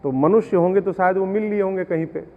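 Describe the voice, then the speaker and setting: A man gives a preacherly devotional discourse in a fairly high voice. He explains verses homely examples, then chants them slowly. The sound is tinny and narrow, a long hall reverb behind it. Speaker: religious storyteller.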